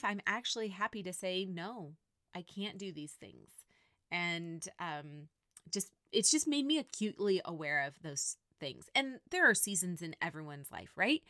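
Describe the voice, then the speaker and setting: A woman's voice: mid-range voice, a bit bright, dry recording, studio quality. A woman in her thirties hosting a faith-based podcast, talking earnestly and directly to her listeners. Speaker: podcast host. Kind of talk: faith-based personal reflection.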